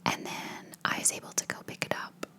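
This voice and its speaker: A woman whispering in a hushed voice, chatting casually in a rambling ASMR style. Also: a little fast. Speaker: ASMR video creator.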